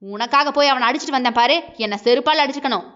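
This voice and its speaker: A woman's voice: sits high, quick pace, bright, forceful tone. A woman voicing an angry, controlling husband who talks harshly and dismissively, in a dull lo-fi recording. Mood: scolding.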